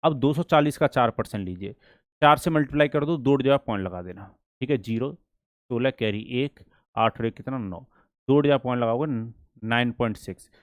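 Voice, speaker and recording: A man teaching a maths lesson for exam prep. He asks the class questions and answers them himself, and he reads problems slowly and deliberately. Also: mid-range voice, no echo, clean studio sound.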